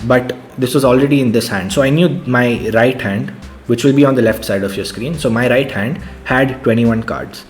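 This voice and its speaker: A man giving casual card magician patter and instruction, speaking conversationally and directly to his audience. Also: medium pitch. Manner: conversational, addressing spectator and viewers directly. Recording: clear background noise.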